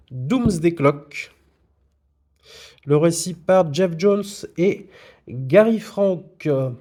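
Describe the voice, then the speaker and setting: A man's voice: on the high side, dark tone. A man presenting his comic book purchases in a casual video, with frequent hesitations. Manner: hesitant, many fillers. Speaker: comics vlogger.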